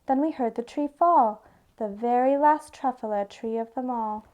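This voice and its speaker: A woman with a high-pitched voice narrates a children's storybook. Her delivery is expressive, following the rhyme of the verse. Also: moderate pace, lo-fi sound. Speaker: storybook reader.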